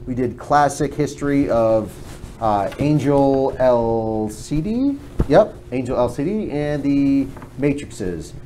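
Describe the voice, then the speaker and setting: A man co-hosting a casual livestream, upbeat and talking in quick bursts. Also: mid-range voice, animated, mellow, a little hiss or hum, poor audio. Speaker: livestream co-host.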